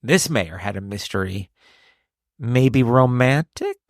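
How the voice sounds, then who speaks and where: A man hosting a podcast, telling funny stories in a playful, animated way. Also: medium pitch, slow, dry recording, clean studio sound. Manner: playful, animated storytelling with laughs. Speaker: podcast host. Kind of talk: casual comedic chat.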